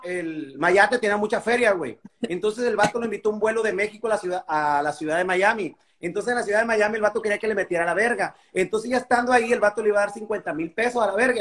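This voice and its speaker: A man's voice: sits high, fairly bright tone. A Mexican man in his forties hosting a live video call, joking crudely and swearing a lot while chatting and telling a joke. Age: 40s. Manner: crude, joking, heavy profanity. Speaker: host of a live video chat. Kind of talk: casual chat and joke telling. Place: indoors at home.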